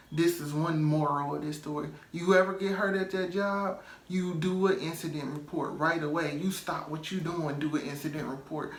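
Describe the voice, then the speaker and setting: A man's voice: on the high side, fairly bright tone. A man telling a personal story in a loose, chatty way, full of "um" and "like" and repeated phrases for emphasis. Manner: loose, chatty, many "um" and "like" fillers. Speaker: storytime vlogger. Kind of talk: casual storytelling. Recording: roomy echo, faint music behind.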